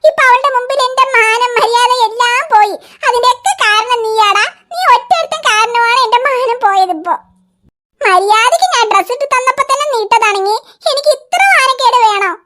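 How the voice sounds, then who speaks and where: Woman doing a fussy old grandmother, very high. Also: a little fast, sharp tone. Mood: self-pitying. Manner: coaxing, scolding, self-pitying. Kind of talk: cartoon voice acting.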